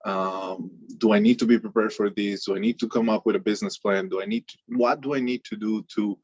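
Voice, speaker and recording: A man presents a casual webinar in a low, gravelly, husky voice. He sounds upbeat and friendly, stumbling and repeating words as he goes. The call audio is dull and lo-fi. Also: brisk, darkish tone, dry recording. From Venezuela. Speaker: webinar presenter, microloan director. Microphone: video call mic.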